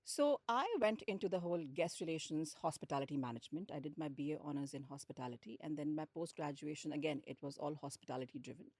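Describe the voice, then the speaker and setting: A woman with an Indian accent, a hospitality executive who grew up in Lucknow and Hyderabad in India, tells stories conversationally as a podcast interview guest. Her voice is deep and a little mellow, and she talks fast with hardly any pauses, recorded with no room sound.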